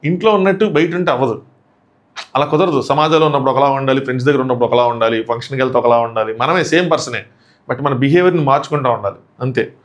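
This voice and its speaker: A man's voice: medium pitch, fast. A man reviewing a reality show, animatedly acting out quoted exchanges as he recaps them.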